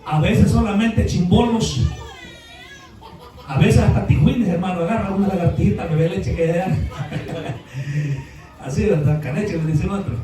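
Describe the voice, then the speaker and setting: A high-pitched man preaches in a church, mixing folksy anecdotes with loud, shouted bursts of praise. His voice rings through a very echoey hall. He sounds set back from the microphone. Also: a little slow, long pauses, distant mic, faint music behind. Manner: folksy storytelling, rising to shouted exhortation. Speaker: pastor. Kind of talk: sermon. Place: church sanctuary.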